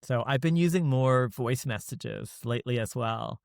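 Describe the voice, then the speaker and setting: A man hosting a podcast, speaking in a measured way and laying out his ideas step by step. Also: mid-range voice, gravelly, darkish tone, dry recording, studio quality. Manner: measured, explains in orderly steps. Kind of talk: casual conversation.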